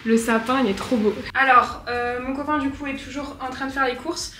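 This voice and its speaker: In her apartment living room, a young woman vlogger talks casually to camera in a high, steady, brisk voice. She rambles through this home vlog, tossing in self-mocking asides.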